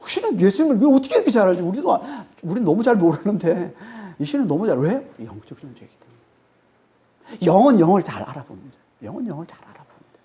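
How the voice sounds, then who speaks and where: A woman's voice: fairly low pitch, sing-song, fast, mellow. A woman preaching a sermon. She is emphatic, repeats key phrases and keeps checking in with a prompting "eh?". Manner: often adds a prompting "eh?" to check the audience. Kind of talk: expository sermon.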